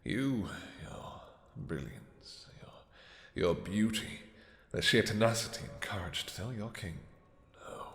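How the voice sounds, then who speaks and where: A man playing a possessive, lovesick vampire king in a romantic fantasy roleplay, speaking in formal, halting, commanding endearments that often sink to a breathy near-whisper. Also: lowish voice, lively intonation, fairly bright tone, roomy sound, in a large hall, heavily acted. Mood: possessive, tender.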